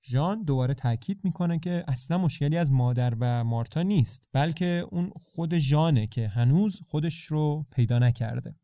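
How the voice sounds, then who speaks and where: Calm man retelling a play. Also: on the high side, hardly any pauses, no room sound, clean studio sound. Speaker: narrator. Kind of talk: storytelling narration of a play.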